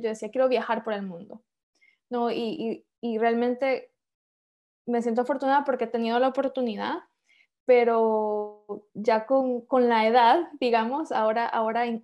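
A woman's voice: on the high side, a little mellow, dull audio. Chatty Honduran woman in her thirties. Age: 30s. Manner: chatty, many fillers and restarts. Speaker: podcast guest. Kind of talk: casual interview chat.

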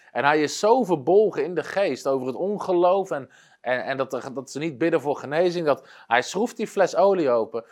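A man preaching, retelling a story earnestly, with frequent hesitations. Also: on the high side. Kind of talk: storytelling sermon.

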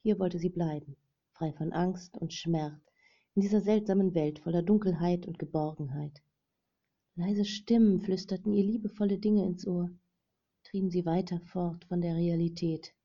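A woman narrating a dramatic novel as an audiobook in a measured reading. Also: lowish voice, fairly even intonation, dark tone. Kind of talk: scripted narration. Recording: dull lo-fi recording.

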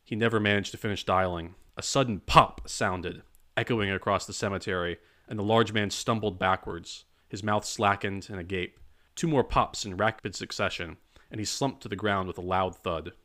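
Deep-voiced guy reading a crime thriller aloud, steady and measured. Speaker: audiobook narrator. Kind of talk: scripted narration.

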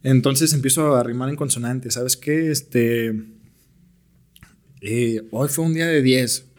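A man's voice: medium pitch, slow pace, a little mellow. A young man with a Mexican accent, a podcast guest telling stories in slangy, laid-back talk. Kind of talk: casual storytelling interview.

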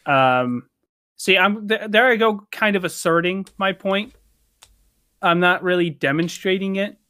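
High-voiced man in casual chat. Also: measured pace, sharp tone, no echo. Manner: rambling, filler-heavy, swears casually.

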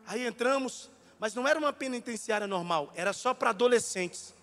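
In a church, a man with a very high, fairly quick voice preaches a storytelling sermon, and the big room is audible. He's animated, acts out the dialogue, and sometimes shouts.

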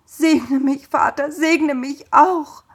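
A woman's voice: sits high, fairly even intonation, slow pace, pitched above the performer's own voice. A woman doing a desperate weeping young hunter. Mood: bellowing. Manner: loud, pleading, emotional. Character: grown elder son, a hunter, desperate and weeping.

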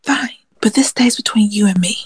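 A woman's voice: on the low side, brisk, slightly rough, dry recording, clean studio sound. An actress playing a frank, nervous young woman who talks herself through things in an audio drama, sometimes whispering. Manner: blunt, self-talking, whispers on the phone. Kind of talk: audio drama inner monologue.

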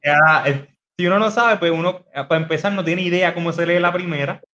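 A man's voice: a little high, fairly quick, sharp tone, dull audio. A man hosting a casual podcast, teaching about biblical Greek with many fillers and restarts over a video call. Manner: hesitant, many fillers and restarts, laughs easily.

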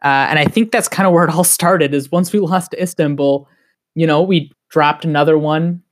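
A man with a Wisconsin accent, a guest on a casual podcast, talking in an excited, heated, rambling way. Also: fairly high pitch, normal speed.

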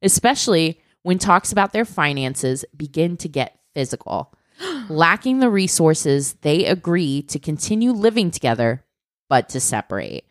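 A woman's voice: sits low, normal speed, no room sound, studio quality. A woman co-hosting a casual podcast, telling a true crime story with lots of "like" and the odd swear word. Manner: animated, swearing, fillers like "like".

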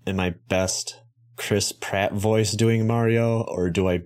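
A man's voice: lowish voice, steady tone, slow, darkish tone. A man co-hosting a podcast in casual chat, rambling and joking, swearing freely and correcting himself as he goes. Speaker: podcast co-host.

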